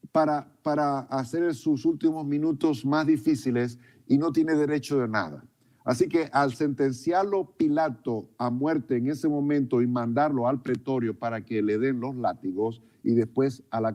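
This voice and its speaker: A man's voice: medium pitch, mellow. A man preaching a sermon, retelling events and repeating points for emphasis.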